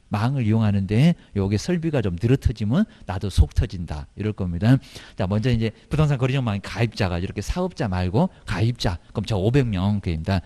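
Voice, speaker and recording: A middle-aged man teaching an exam-prep class in a low, mellow voice. His pitch jumps around a lot as he talks. He fires rhetorical questions at the students and drops in colloquial asides. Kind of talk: recorded online lecture.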